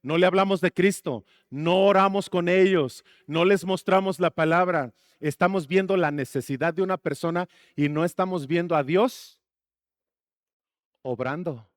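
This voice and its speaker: Male pastor, high voice, dry close sound, questions to the congregation. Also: normal speed, no room sound. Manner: asks the congregation questions and jokes between points. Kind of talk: sermon.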